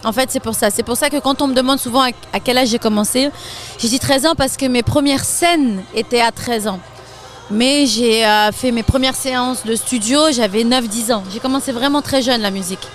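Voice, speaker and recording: High-voiced French woman chatting in an interview. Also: normal speed, soft background music. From France. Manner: lively, laughs often, chatty with fillers. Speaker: interview guest, singer and DJ. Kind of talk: casual interview chat.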